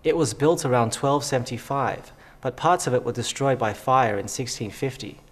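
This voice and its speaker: A man's voice: medium pitch, moderate pace, lightly acted. An actor playing a helpful local man giving directions in a scripted dialogue. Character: helpful male local guide.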